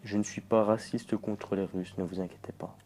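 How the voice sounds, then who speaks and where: Jumpy, swearing young gamer. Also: male voice, fairly low pitch, little pitch movement, normal speed, a little mellow, a little hiss or hum. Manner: jumpy, swearing, talking to viewers. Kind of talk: let's play commentary.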